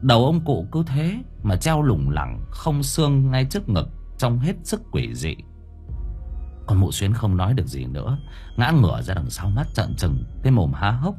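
A man's voice: on the low side, huge pitch swings, moderate pace, a little mellow, soft background music. A man narrating a ghost story as an audiobook, vivid and dramatic.

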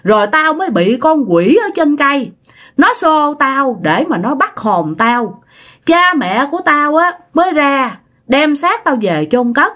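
A woman voicing a lonely, gruff but kind ghost of a boy who died young, with a blunt, rough way of talking. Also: high voice, a bit bright, voice pushed up, heavily acted. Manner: blunt and rough-spoken, pleading at times.

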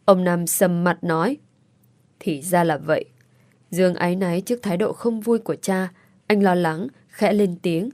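A woman narrating a story aloud in a steady, even reading voice. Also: lowish voice, moderate pace, no echo, clean studio sound.

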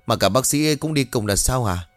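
A man's voice: medium pitch, lively intonation, moderate pace, no echo, soft background music, pitched above the performer's own voice, natural voice. A man voicing an older mother who frets and questions her son in a story. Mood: fretful. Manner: fretful, questioning. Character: older woman, worried anxious mother.

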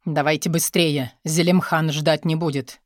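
A woman's voice: low voice, steady tone, unhurried, no room sound, clean studio sound. A woman voicing a short-tempered, threatening male henchman in an audiobook, barking out commands. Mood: impatient.

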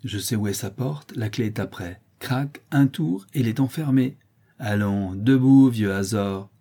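A man's voice: fairly low pitch, measured pace, mellow, husky. A man voicing a lame, mocking boy who taunts cruelly in a sing-song way. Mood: jeering.

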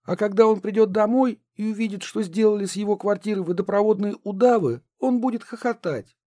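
A man's voice: sits high, a little fast, warm tone, no echo, studio quality, pitched above the performer's own voice, close to an everyday voice. A man reading a storybook, voicing a bossy schoolgirl who gives curt commands. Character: bossy schoolgirl, sharp and cool.

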